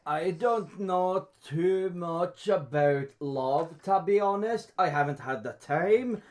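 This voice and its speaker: A man's voice: high voice, takes it slowly, darkish tone. A man voicing a hard-drinking male pit fighter, talking in a blunt, boastful, crude way. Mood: gruff. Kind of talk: in-character roleplay interview.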